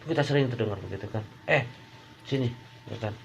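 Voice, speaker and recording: A man's voice: lowish voice, very fast, vocal fry, a little mellow, slight background noise. A man who is an Islamic preacher, giving an informal, joking sermon with frequent rhetorical asides to his listeners.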